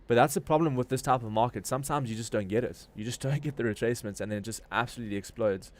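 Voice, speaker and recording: A racing, medium-pitched voice comes from a crypto trading livestream host from Durban, South Africa. He rattles through casual, slangy live market commentary in his South African accent, thinking aloud as he goes.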